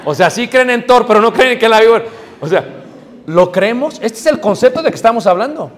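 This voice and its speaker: A man from Mexico City with a Mexico City Spanish accent, preaching a lively sermon to young people and asking them questions. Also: very high-pitched, brisk, long reverb tail. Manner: lively, joking, asks the audience questions. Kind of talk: sermon to youth.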